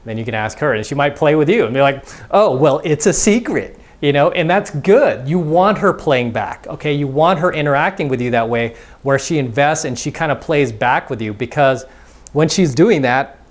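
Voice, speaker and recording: A man with a mid-range voice and lively intonation speaks at normal speed, coaching as a dating instructor. He delivers a casual, repetitive instructional monologue and acts out quoted lines of dialogue.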